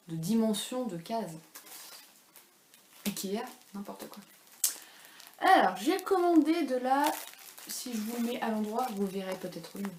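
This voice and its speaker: A woman's voice: medium pitch, a little mellow. A woman in her thirties who hosts a knitting podcast, chatting casually at home in a rambling, self-deprecating way with lots of fillers. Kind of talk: casual chat. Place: home room. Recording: echoey room with faint ambient noise.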